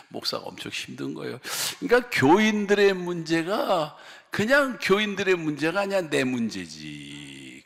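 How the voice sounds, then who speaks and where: Male revival preacher, gravelly and bright, animated call-and-response delivery, long hall reverb. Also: medium pitch. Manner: dramatic storytelling, swinging from shouts to whispers. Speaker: pastor. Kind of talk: revival sermon. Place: prayer retreat sanctuary.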